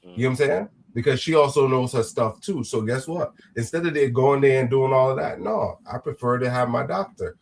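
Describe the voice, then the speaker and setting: A man's voice: medium pitch, fairly quick, gravelly, hardly any pauses, a little hiss or hum. A man co-hosting a casual panel chat, explaining at length with frequent restarts. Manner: explains at length, with repeated restarts and "you know what I'm saying". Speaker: co-host of a panel show.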